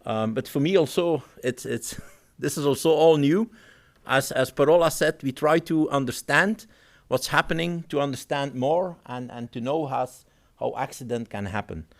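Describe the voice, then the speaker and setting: A man with an other than giving a technical presentation at a conference. He pauses, repeats words and phrases things in his own way. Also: mid-range voice. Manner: halting, repeats words, non-native phrasing. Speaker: conference speaker.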